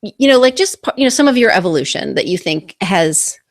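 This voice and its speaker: A woman's voice: mid-range voice, animated, fairly quick. Woman host on a live stream, rambly casual chat, computer mic. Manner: chatty, rambling with restarts.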